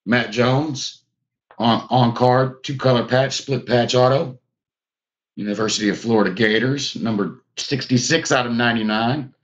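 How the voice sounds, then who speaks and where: A man's voice: medium pitch, moderate pace, lo-fi sound. Casual man hosting a live card break. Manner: chatty, talks to viewers by name.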